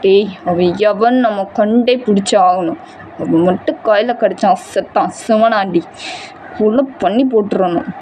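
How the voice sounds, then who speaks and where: A woman's voice: medium pitch, measured pace, slight background noise, close to an everyday voice. A woman playing a furious short-tempered young man. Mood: angry. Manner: shouting, scolding, harsh.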